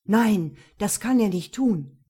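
Brief: woman doing a devoted, impulsive young man, earnest, mellow husky tone. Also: fairly low pitch, moderate pace.

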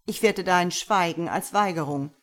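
A woman's voice: on the low side, natural voice. A woman voicing a stern, commanding dominant man. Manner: cold, measured commands.

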